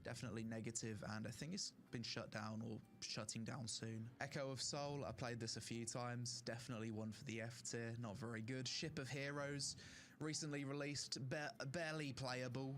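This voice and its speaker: A man's voice: mid-range voice, fairly even intonation, normal speed, few pauses, a bit bright, a little hiss or hum. A young man streaming, giving casual opinionated rankings of online games with fillers, his throat strained from talking. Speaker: gaming streamer. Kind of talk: casual tier-list commentary.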